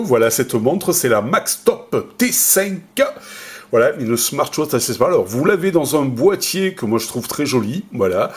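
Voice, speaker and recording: A man giving a casual unboxing review of a smartwatch, rambling with many fillers and self-corrections while handling the product. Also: medium pitch. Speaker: tech reviewer.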